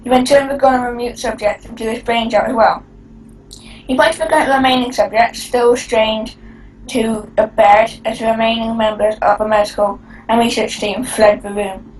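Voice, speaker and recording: A woman's voice: fairly high pitch, steady tone, normal speed, recorded from a distance, slight background noise, poor audio. A woman co-host reading a creepy story aloud in a casual way, often stumbling and restarting words.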